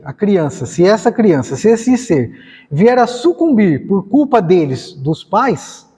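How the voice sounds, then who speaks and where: A man's voice: high voice, warm tone. A man giving a lecture at a spiritist center, talking conversationally, acting out dialogues and asking rhetorical questions. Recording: long hall reverb.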